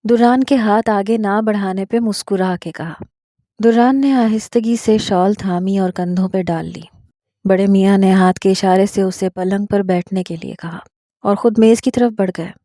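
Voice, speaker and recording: A woman narrating a romance novel in a steady, scripted storytelling read. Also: mid-range voice, no room sound, studio quality.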